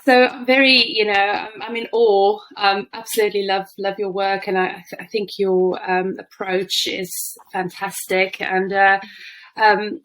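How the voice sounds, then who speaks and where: A woman hosts a podcast and leads the talk with questions. She praises her guest effusively, speaks at a middle pitch, and fills pauses with "um" and "you know". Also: level tone, poor audio. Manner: effusive, warm praise with fillers. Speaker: podcast host.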